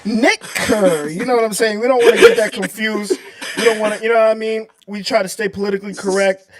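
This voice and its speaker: High-voiced man hosting a sports podcast. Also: level tone, fast talker, noisy background. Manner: loud, laughing, slangy hype talk. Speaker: podcast host. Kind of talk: casual sports podcast chat.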